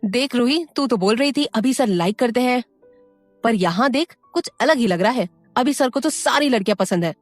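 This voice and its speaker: A woman voicing a sharp-tongued, quick-tempered young student in an audio story. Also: on the high side, expressive, no room sound, faint music behind. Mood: gossiping. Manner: snappy, blunt.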